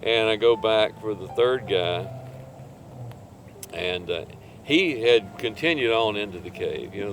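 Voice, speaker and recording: Older man telling a relaxed story. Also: lowish voice, background noise. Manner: relaxed, rambling, chuckles between points. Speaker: cave diver recounting a rescue. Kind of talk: interview storytelling.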